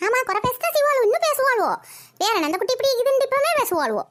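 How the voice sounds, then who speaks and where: In this cartoon voice-acting bit, a woman plays a nosy, gossipy auntie with a Kayalpattinam Tamil accent who lectures a young bride nonstop. Her extremely high, squeaky voice has a sing-song lilt, and her tone stays preachy and meddling as she nags and lectures.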